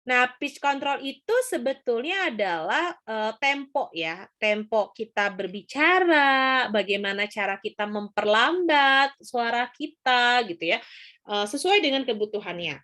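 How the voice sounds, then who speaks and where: A woman's voice: a little high, lively intonation, unhurried, pushed and bright. A woman lecturer explaining in a chatty way, with frequent fillers and rhetorical questions to her students. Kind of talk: casual spoken lecture.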